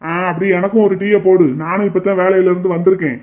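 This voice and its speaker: A man's voice: high voice, fairly even intonation, quick pace, narrow, tinny audio, lightly acted. A man voicing a mild, plain-spoken middle-aged father in a cartoon.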